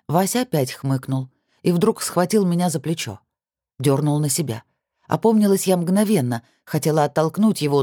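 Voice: medium pitch, dark tone, no echo. Audiobook reader, dry close sound. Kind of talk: first-person novel narration.

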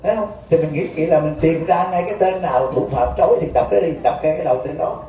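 A man's voice: a little high, quick pace. A Buddhist monk gives a dharma talk, tells stories and keeps asking his audience questions. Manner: storytelling, asks the audience questions. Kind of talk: sermon. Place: community center hall. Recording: distant, dull, echoey hall recording.

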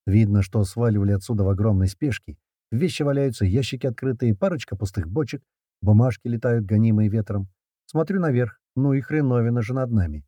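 A man reading an action story aloud in the first person, with brisk, slangy narration and shouted lines for the characters. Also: mid-range voice, dry recording. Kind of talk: audiobook narration with character voices.

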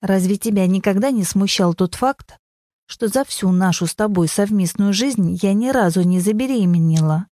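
A woman's voice: medium pitch, mellow, no echo, natural voice. A woman voicing a cool, sarcastic young mother brushing off her ex. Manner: dry, sarcastic, unhurried.

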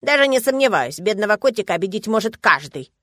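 A woman's voice: medium pitch, very animated, quick pace, fairly bright tone, no echo, clean studio sound. A woman voicing a cheeky male talking cat with a mocking, whiny manner in a storybook reading. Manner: mocking, whiny when scolded.

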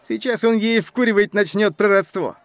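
A woman's voice: medium pitch, moderate pace, no echo, close to an everyday voice. A woman voicing a brash young male musician who teases his drunk friend in an audiobook. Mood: mocking. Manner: teasing, laughing at his friend.

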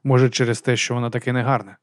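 A man reading audiobook narration in a calm, measured way. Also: medium pitch, no echo, clean studio sound. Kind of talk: scripted narration.

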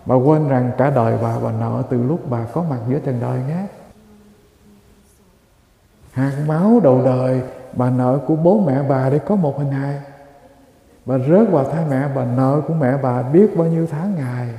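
A man, a Buddhist monk, giving a dharma talk in a measured, emphatic way and often addressing his listeners directly. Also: mid-range voice, creaky, warm tone. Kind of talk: sermon. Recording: echoey hall with long reverb.

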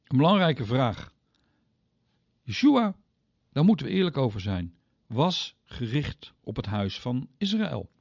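A man teaching the Bible on the radio, speaking directly to his listeners and explaining step by step, with sudden pitch leaps on key words. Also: very animated, unhurried, gravelly, long pauses, darkish tone, breathy edge, no room sound, studio quality.

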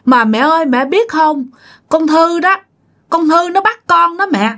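A woman's voice: very high-pitched, lively intonation, unhurried, fairly bright tone, voice pushed up, exaggerated voice. A woman voicing the ghost of a young woman who pleads to her mother in tearful, wailing cries. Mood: sobbing, pleading.

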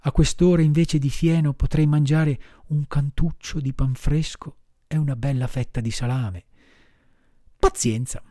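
A man's voice: a little high, fairly even intonation, a little slow, mellow, no echo, clean studio sound, close to an everyday voice. A man voicing a whining puppet boy turned into a donkey, braying and pleading. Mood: wistful. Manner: pleading, complaining.

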